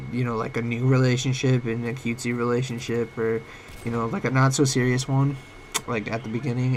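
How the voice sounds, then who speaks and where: This rough recording catches a young man's mid-range voice, cracking now and then from a cold. Vlogging a late-night personal talk, he rambles and halts with many fillers and restarts, into a home mic with uneven volume and faint background hiss.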